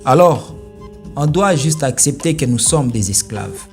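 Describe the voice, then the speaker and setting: A man's voice: mid-range voice, lively intonation, a little slow, vocal fry, music in the background. Emphatic male commentary host. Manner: emphatic, rhetorical, rising to forceful peaks. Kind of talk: opinionated commentary.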